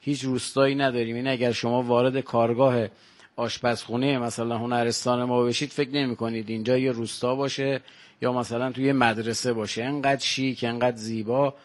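A man's voice: mid-range voice, little pitch movement. An older man with a Varamini Persian accent, a village guest on a radio show, proudly listing facts about his home. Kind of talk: radio phone-in chat.

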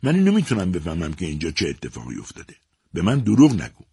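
Male narrator playing a prying scolding mother, raised higher, loud, dry close sound. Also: huge pitch swings, breathy edge, no echo. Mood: mocking. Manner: sneering, accusing. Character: sharp suspicious scolding mother.

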